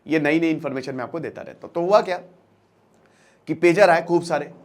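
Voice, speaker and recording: A man who presents a current-affairs channel gives an informal explainer lecture, telling stories with acted-out dialogue. He speaks directly to listeners in colloquial language, repeating phrases for emphasis, and his voice is on the high side and brisk.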